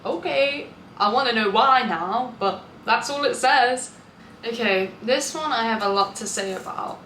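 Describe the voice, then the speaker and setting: A woman's voice: medium pitch, fairly bright tone. A young British woman reading out confessions and reacting in a chatty, candid way, gleeful and amused at the gossip. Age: young adult. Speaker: online video host. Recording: echoey room, clear background noise.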